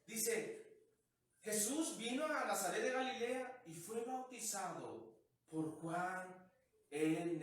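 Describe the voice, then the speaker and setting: High-voiced pastor in an echoey church. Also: male voice, fairly bright tone. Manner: peppers talk with rhetorical questions. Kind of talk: sermon. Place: church sanctuary. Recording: echoey hall, mic far off.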